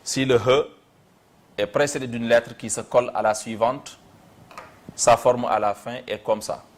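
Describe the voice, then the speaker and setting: A man with a Senegalese accent teaching Quran reading in a slow step-by-step lesson, repeating syllables aloud. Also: medium pitch, steady tone.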